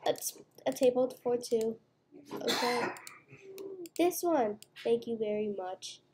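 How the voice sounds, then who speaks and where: Her voice is a little high and darkish, delivered at a slow pace. A young girl gamer plays a restaurant game at home, chatting playfully and narrating her moves. There's faint background noise along with mouse clicks.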